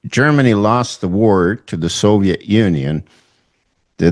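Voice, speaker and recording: A Swedish-accented man with a very low voice hosts the interview. He talks slowly and haltingly, pausing often with fillers as he sets out his questions. He is middle-aged. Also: a little mellow. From northern Sweden. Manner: slow, halting, with many fillers. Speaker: host. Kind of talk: online interview.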